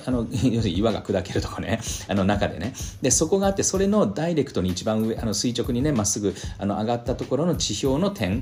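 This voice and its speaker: Hesitant man teaching vocabulary, lively pitch. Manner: rambling, many fillers and hesitations. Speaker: English test-prep teacher. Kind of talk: casual spoken vocabulary lesson.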